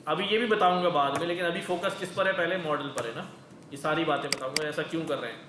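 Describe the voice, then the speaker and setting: A man's voice: a little high, quick pace, reverberant, background noise. A male teacher leading a coding lecture in a casual, conversational way, asking questions and then answering them himself. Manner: conversational, calls listeners brother.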